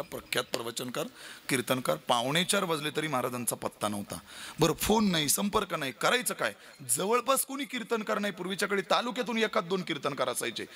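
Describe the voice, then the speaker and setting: A young man giving a devotional sermon, telling a story with animated repetition. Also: fairly high pitch. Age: young adult. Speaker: kirtan preacher.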